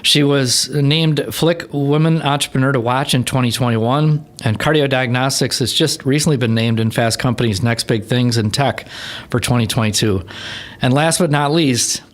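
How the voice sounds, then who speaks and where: A man's voice: mid-range voice, normal speed. A man hosting a podcast interview, introducing his guest with enthusiasm and the odd filler. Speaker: podcast host.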